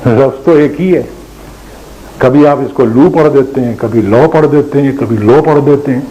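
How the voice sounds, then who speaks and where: Older male lecturer, mellow tone, measured questioning delivery, faint noise behind. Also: medium pitch, rough recording. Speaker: former college principal and teacher. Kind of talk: lecture with anecdotes.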